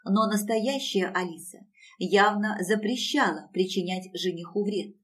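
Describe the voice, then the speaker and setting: A woman narrating an audiobook in a steady storytelling manner. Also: mid-range voice, unhurried. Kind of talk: scripted narration.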